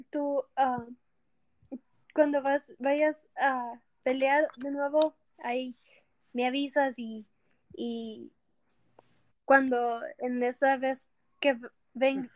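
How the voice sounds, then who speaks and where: High-voiced, unhurried woman hosting in Spanglish. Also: rough recording. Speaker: podcast host. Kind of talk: casual podcast chat in Spanglish.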